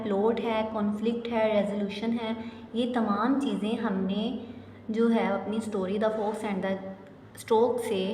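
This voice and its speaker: A woman teaching an English class to young students, reading the English slowly and explaining quickly in a mix of Hindi and English. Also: medium pitch, a little mellow. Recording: echoey room with long reverb, faint background noise.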